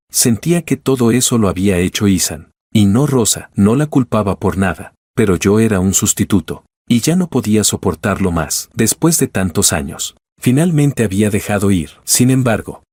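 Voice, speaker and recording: Low husky male storyteller, dry close sound. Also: darkish tone, no echo. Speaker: narrator. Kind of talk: first-person scripted story narration.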